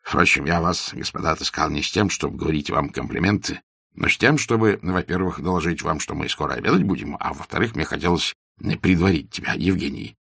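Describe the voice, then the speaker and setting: A man's voice: rumbling low, a little fast, gravelly, a bit bright, breathy edge, no echo, studio quality, exaggerated voice. A man voicing a talkative old country doctor in his sixties, a doting father who rambles in flowery phrases. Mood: fond, chatty. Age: 60s.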